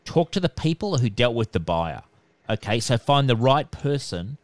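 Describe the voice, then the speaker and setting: Nasal-voiced male expert, even and instructive, dry studio sound. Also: medium pitch, normal speed, no room sound. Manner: calm, instructive, repeats "okay". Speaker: debt collection expert. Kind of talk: podcast interview answers.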